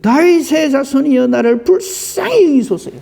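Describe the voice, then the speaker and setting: A woman's voice: sits high, animated, normal speed, creaky, warm tone, voice pushed up. Woman preaching as a desperate blind beggar crying out. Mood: pleading. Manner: pleading, raised and insistent.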